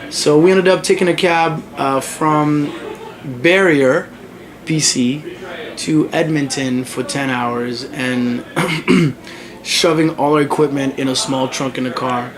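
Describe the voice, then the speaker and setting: A young male musician from the Congo, a guest in a casual interview, speaks slowly in a mid-range voice. He tells stories in an animated way, full of fillers, while a noisy crowd chatters in the background.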